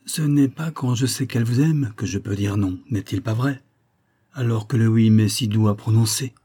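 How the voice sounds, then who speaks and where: A man's voice: fairly low pitch, moderate pace, dark tone, husky. A man voicing a frank, fatherly older baron who speaks earnestly and cordially. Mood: warm.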